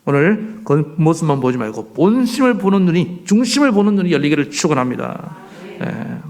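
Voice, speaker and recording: A male pastor preaching a sermon in a church, animated, asking the congregation rhetorical questions. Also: a little high, a little fast. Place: church sanctuary.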